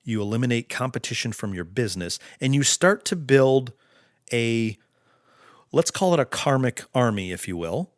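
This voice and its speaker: A male podcast host giving an earnest, preachy motivational monologue in slow, deliberate phrases. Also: mid-range voice, sing-song, dry recording, studio quality.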